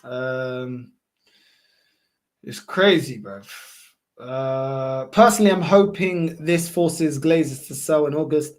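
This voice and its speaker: This slow-speaking football livestream host has a mid-range voice and a London roadman accent, the multicultural London English of his home city. Chatting casually with viewers about their comments, he leans on slang, repeats himself, and phrases things emphatically.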